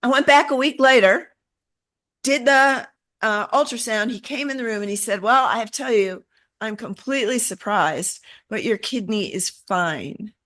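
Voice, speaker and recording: A middle-aged woman telling a personal story as an interview guest, animated and acting out the voices of people she quotes. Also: a little high, moderate pace.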